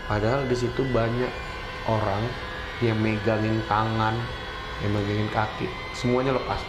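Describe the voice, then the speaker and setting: A man casually recounting a personal experience as a guest, haltingly, often repeating his words and phrases. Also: flat delivery, over loud music. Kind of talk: casual spoken storytelling of a supernatural experience. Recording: noisy echoey room, traffic-like rumble.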